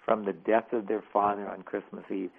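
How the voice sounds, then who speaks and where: Gravelly-voiced man on a phone line. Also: fairly low pitch, moderate pace. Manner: animated, casual storyteller. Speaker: author, radio guest. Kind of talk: phone-in interview storytelling. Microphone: telephone.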